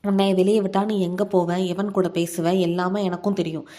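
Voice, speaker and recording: A man's voice: sits high, flat delivery, normal speed, mellow, close to an everyday voice. A woman voicing a hot-tempered young village man who bullies his sister, speaking harshly and scolding. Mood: angry.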